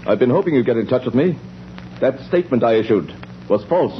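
A man's voice: medium pitch, lively intonation, fairly quick, natural voice. An actor playing an earnest, worried male surgeon with urgent delivery in 1930s radio drama style. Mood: anxious, earnest. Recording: muffled old radio, faint noise.

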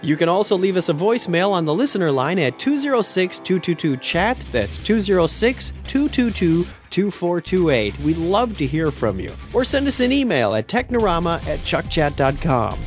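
A man's voice: sits high, big pitch swings, moderate pace, hardly any pauses, soft background music. A man hosting a podcast, speaking in a presenter's wrap-up and sign-off style. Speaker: show host.

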